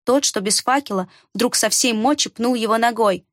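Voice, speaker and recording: A woman reading a fantasy story aloud in a steady, measured narration. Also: fairly high pitch, dry recording, studio quality. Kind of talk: scripted audiobook narration.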